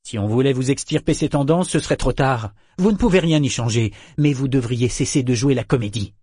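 A man's voice: medium pitch, a little mellow, breathy edge, dry recording, clean studio sound, close to an everyday voice. A man voicing a blunt, sardonic male sailor in an audiobook, mocking and needling in his delivery. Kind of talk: audiobook character voice.

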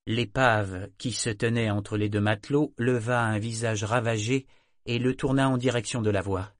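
A man narrating an audiobook in a calm, measured reading style. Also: lowish voice, no echo, studio quality.

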